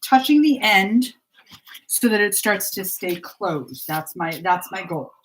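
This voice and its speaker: A woman's voice: medium pitch, expressive, slow, fairly bright tone, slight background noise, rough recording. A middle-aged woman hosting a casual cooking video, chatting to her viewers as she works in her home kitchen. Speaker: cooking vlogger. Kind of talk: casual live cooking chat. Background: clatter of dishes and pans.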